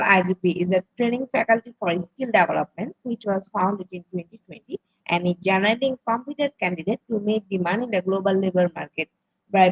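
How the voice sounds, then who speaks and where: A woman's voice: mid-range voice, a little mellow, breathy edge, no echo. A woman from Bangladesh hosting an online webinar, formally reading a scripted introduction of her institute and pacing through long lists. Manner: formal, reads lists in a measured way. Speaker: webinar host. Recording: dull lo-fi dry sound.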